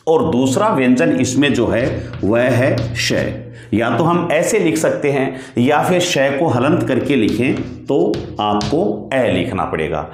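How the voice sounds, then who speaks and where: Slow, deliberate Hindi teacher, roomy sound. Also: male voice, mid-range voice, darkish tone. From Rajasthan. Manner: slow, deliberate explanation, drawing out sounds, asking and answering his own questions. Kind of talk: exam-prep lesson.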